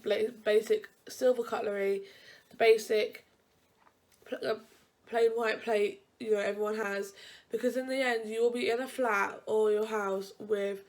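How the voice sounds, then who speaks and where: In a casual advice vlog, a young woman student speaks with a stuffy nose in a slightly high, somewhat mellow voice. She rambles and chats, often correcting herself and restarting sentences midway.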